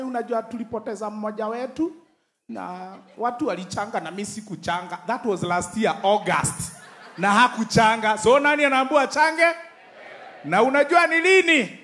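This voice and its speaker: A Kenyan man in his thirties works a large comedy stage with a handheld mic. His voice sits very high, and he is animated, shouting his punchlines and mimicking other people. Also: normal speed. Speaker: stand-up comedian. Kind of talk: stand-up comedy in mixed Swahili and English.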